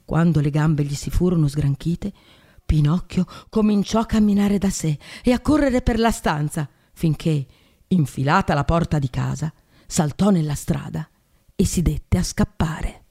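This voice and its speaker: A woman podcast host reading a classic tale aloud in a measured, expressive way. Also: deep voice.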